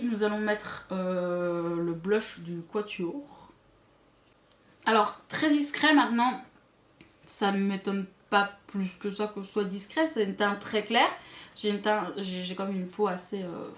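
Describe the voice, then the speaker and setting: A woman with a Belgian or Swiss French accent reviews makeup to camera in a chatty way, full of asides to her viewers. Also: medium pitch. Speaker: beauty vlogger. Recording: echoey room.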